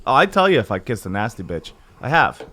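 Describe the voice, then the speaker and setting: A man's voice: on the low side, sing-song, fast talker, sharp tone. A young man co-hosting a casual podcast chat in laid-back, swearing frat-bro slang. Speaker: podcast co-host.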